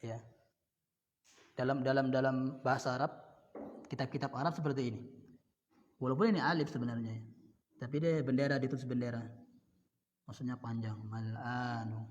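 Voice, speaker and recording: A man's voice: medium pitch, steady tone, normal speed, long pauses, a little mellow. A man teaching Arabic grammar in a lecture, repeating each word and posing questions he answers himself. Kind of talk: classroom lecture. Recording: dull lo-fi sound in a reverberant hall.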